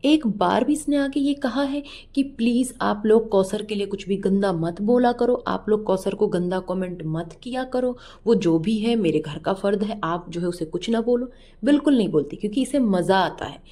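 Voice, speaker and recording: A woman doing reaction vlog commentary with a scornful, mocking tone. Her voice is warm and mellow at a middle pitch, and she scolds steadily throughout. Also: normal speed. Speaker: reaction vlogger.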